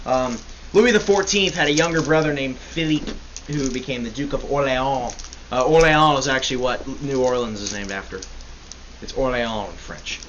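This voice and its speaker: A man's voice: mid-range voice, normal speed, fairly bright tone, highs cut off. A young man hosting a casual history podcast, rambling and joking, often correcting himself. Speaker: podcast host. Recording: faint hiss.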